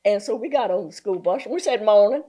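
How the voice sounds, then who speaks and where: Older woman, community activist guest, animated storyteller, wide-ranging pitch, folksy asides. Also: fast, breathy edge. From southern Virginia, US. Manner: animated storyteller who slips into folksy Southern talk and laughs often. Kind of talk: storytelling in a conversational interview.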